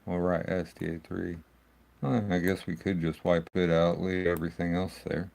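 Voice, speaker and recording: Tech host, male, deep gravelly voice, rambling and loose. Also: flat delivery, normal speed, darkish tone. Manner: rambling, thinks aloud with restarts. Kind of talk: casual screen-recording walkthrough.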